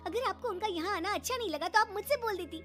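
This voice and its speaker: A woman's voice: extremely high pitch, level tone, normal speed, fairly bright tone, soft background music, pitched above the performer's own voice. Woman playing an indignant young daughter-in-law. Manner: indignant, complaining. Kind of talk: animated storybook voice acting.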